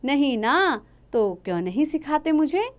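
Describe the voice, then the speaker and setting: A woman's voice: high-pitched, big pitch swings, measured pace, pitched above the performer's own voice. A woman voicing an eager twelve-year-old village girl who pleads insistently. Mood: pleading.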